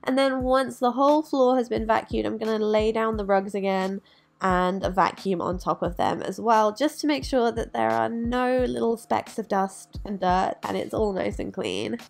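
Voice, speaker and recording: Her voice is creaky and on the high side, delivered at a moderate pace. A young adult lifestyle vlogger, she walks viewers through cleaning her bright bedroom indoors with upbeat, instructive narration, part voice-over and part to-camera vlog.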